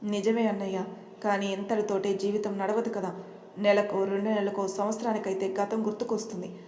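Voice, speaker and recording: A woman's voice: mid-range voice, little pitch movement, a little fast, a little hiss or hum, close to an everyday voice. A woman voicing a meek, anxious young wife who speaks with doubt and sorrow. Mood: worried. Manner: soft, doubtful. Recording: roomy echo.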